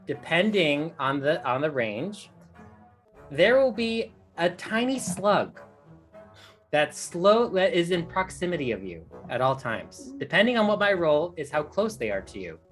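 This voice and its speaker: A woman's voice: sits low, big pitch swings, a little slow, soft background music. A woman running a tabletop game as dungeon master. She talks in a rambling, playful way with lots of fillers.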